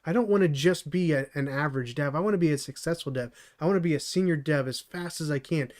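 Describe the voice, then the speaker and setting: Middle-aged male host, slightly high voice, earnest rambling mentor talk, dry throat. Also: quick pace, a little mellow. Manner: earnest and rambling, many restarts and fillers. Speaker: channel host and developer mentor. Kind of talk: solo live stream talk.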